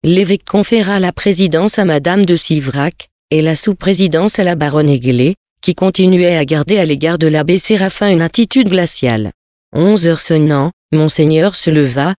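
A narrator giving a measured audiobook reading of a period tale. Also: medium pitch, a little mellow, dry recording, clean studio sound.

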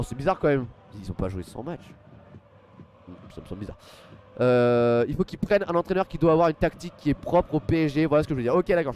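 This young adult from France has a slightly high, slightly mellow voice, with a little hiss or hum on his headset mic. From a desk in a small home room, he streams live pre-match football commentary, reading chat, thanking viewers by name and filling gaps with lots of fillers.

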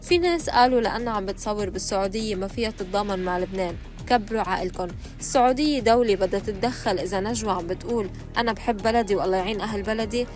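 A woman's voice: medium pitch, rapid-fire. A woman reading scripted voice-over narration for entertainment news. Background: soft music.

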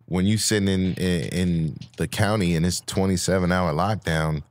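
A man's voice: low voice, fairly even intonation, moderate pace. A young man with a Midwestern American accent, a guest on a casual studio podcast, telling his story in a laid-back way with laughs and restarts. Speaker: guest rapper. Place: small studio with dark backdrop. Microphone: studio mic with headphones.

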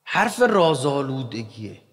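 A man lecturing with lively energy, his voice swinging between loud bursts and quiet asides as he jokes with the audience. His pitch sits in an ordinary middle range for a man. The recording carries a long, hall-like reverb. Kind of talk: religious lecture.

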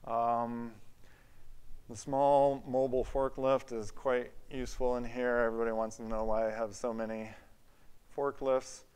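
A man's voice: mid-range voice, a little mellow, clean tone, dry recording. A man giving a casual, plain-spoken walk-through tour of his sawmill as its owner. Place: outdoors around a sawmill yard, later inside a large former riding arena.

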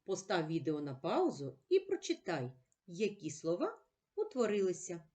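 A woman teacher giving a slow, clear reading lesson to children, stressing each word carefully. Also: lowish voice, wildly swooping pitch, dark tone.

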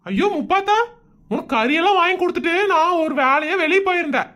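A woman's voice: very high-pitched, animated, fast talker, a bit bright. A woman acting a tipsy husband who fumbles excuses and scolds his wife in a comedy skit. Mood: bossy. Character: tipsy bumbling husband, middle-aged man, evasive.

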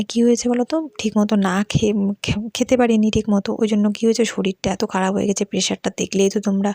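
A woman vlogger speaking softly in a hushed late-night voice-over, chatty and unwell with little energy. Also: mid-range voice, no room sound, clean studio sound. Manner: talks softly, chatty with fillers.

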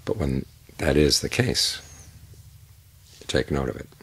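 An older man, a Buddhist monk, giving a calm, measured evening Dhamma talk with unhurried pauses and a husky voice. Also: a bass voice.

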